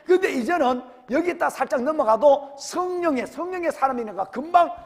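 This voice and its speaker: A man's voice: extremely high pitch, animated, a little fast, long reverb tail. A male senior pastor with a Gyeongsang accent, preaching a sermon and firing rhetorical questions at his congregation. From Gyeongsang region, Korea. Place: church sanctuary.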